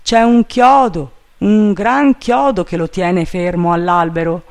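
Bumbling servant, high and fretful, a man reading the part. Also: fairly even intonation, takes it slowly. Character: timid, bumbling male servant up a tree.

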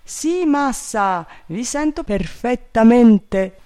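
A man doing a fretful, squeaky male servant. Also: expressive, extremely slow, smooth, heavily acted. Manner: fretful, loud and high. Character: timid, bumbling male servant up a tree.

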